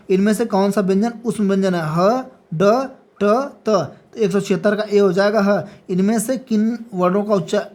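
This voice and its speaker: A woman teacher with a medium-pitched, darkish voice reads multiple-choice exam questions and their choices aloud. She checks each answer with a repeated "ठीक है" in this practice lecture.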